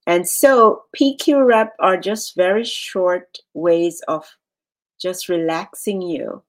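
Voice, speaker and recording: A woman coaching in a measured, instructional way, leaving pauses as she guides a relaxation exercise. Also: on the low side. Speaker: relaxation and mental fitness coach.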